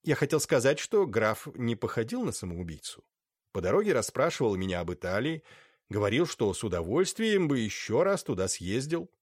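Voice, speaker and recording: A man's voice: medium pitch, sing-song, normal speed, breathy edge, no echo, studio quality. A man voicing a chatty young nobleman who talks earnestly and keeps going. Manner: talkative, earnest.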